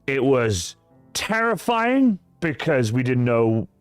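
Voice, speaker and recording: A man's voice: medium pitch, slow, smooth, no room sound, soft background music. A man from the countryside, chatting on a livestream and telling a story in a rant full of swearing. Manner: animated, swearing storyteller ranting to chat. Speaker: cosplay livestreamer. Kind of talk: casual livestream chat.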